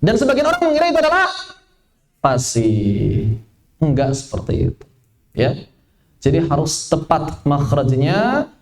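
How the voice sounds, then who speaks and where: A man teaching a lively spoken lesson, asking and answering his own questions. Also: on the high side, moderate pace. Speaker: Quran recitation teacher. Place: event hall, live workshop.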